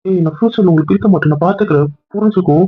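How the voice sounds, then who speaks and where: A man's voice: sits high, rapid-fire, breathy edge, no room sound. A man in a couple's argument vlog, pleading and apologizing to his partner. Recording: tinny phone-like sound, dry, faint music.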